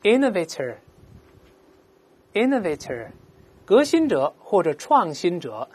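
Lively, husky woman teaching vocabulary. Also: fairly low pitch. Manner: explains patiently, slowly models pronunciations for repeating; asks "right?" often. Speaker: English teacher. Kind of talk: vocabulary lesson.

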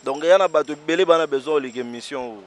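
Recounting his life in a relaxed interview, this male comic and stage actor moves between lively bursts, hushed asides and loud outbursts. He talks fast in a slightly high voice.

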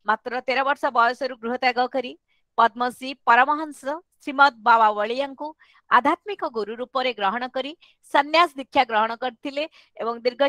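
A woman's voice: high-pitched, pushed and bright, dry recording. A middle-aged woman with an Odia Indian accent, hosting a webinar in a formal address over a headset. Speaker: webinar host. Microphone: headset on video call.

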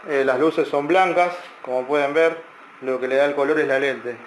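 A man's voice: medium pitch, a little hiss or hum. A man, a repair technician talking through a circuit board in a loose, explanatory way with many fillers and restarts. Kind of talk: casual technical tutorial.

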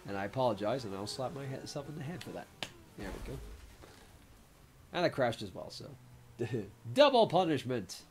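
Hoarse man chatting over gameplay. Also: medium pitch, animated, normal speed, long pauses. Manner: rambling, many fillers and self-mocking laughs. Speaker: game streamer. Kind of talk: casual gameplay commentary. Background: game music.

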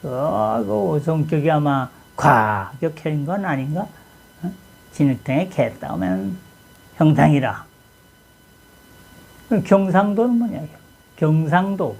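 A man's voice: a little high, very animated, takes it slowly, vocal fry, pauses often, a little mellow, breathy edge, poor audio. A man from Chungcheong, Korea, hosting his own channel and talking casually about an old text, with a folksy manner and many rhetorical questions. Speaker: channel host. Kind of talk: casual talk on classic texts.

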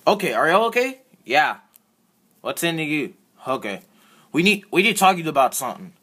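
A man with a husky voice play-acts cartoon-style characters in a halting, excitable way, stumbling and repeating words. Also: a little high. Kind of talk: improvised character play-acting for a fan video.

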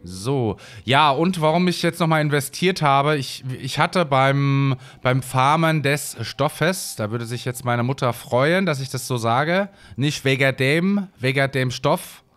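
A man from Hesse talks casually over his gameplay, rambling along with plenty of fillers and restarts. His voice sits at an ordinary middle pitch, recorded close on a desk microphone. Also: unhurried, few pauses, fairly bright tone, faint music behind. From Hesse, Germany. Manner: chatty, rambling, many fillers. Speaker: let's play host.

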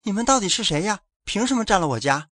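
A man's voice: sits high, very animated, fairly quick, no room sound, clean studio sound, pitched above the performer's own voice. A man voicing an indignant middle-aged woman. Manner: agitated, insistent complaining.

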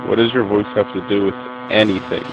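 A man's voice: on the low side, fairly even intonation, quick pace. A young man ranting at another gamer in voice chat, aggressive, profane and taunting. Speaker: online gamer. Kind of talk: voice-chat rant. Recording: muffled noisy game voice message.

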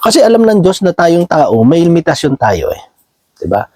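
A man preaching in a casual, conversational way, often ending his phrases with a questioning "no?" and reading verses slowly. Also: a little high, big pitch swings, warm tone, no echo, low-quality recording. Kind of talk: Bible teaching, casual sermon.

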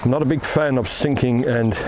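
With a mid-range voice and a slightly fast pace, an older Irishman explains fly fishing in relaxed, casual fashion while standing at a river. His talk includes ums and asides. Recorded from afar by a camera on the bank, it carries the sound of running water and wind.

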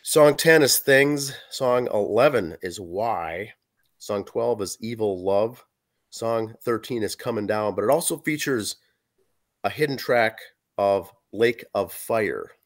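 A hoarse man with a fairly low voice reads album notes slowly, running through facts and track lists with fillers. He's a podcast co-host reviewing an album in casual chat, recorded in a small room at home on a video call webcam.

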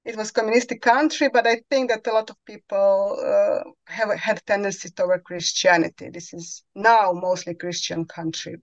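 A Croatian-accented woman in her forties is a podcast guest speaking English as a second language, often hunting for words and using many fillers in a conversational interview. Her mid-range voice is steady, at a moderate pace with few pauses. She's on a headset in a video call from a room at home, and the audio is muffled with no room sound.

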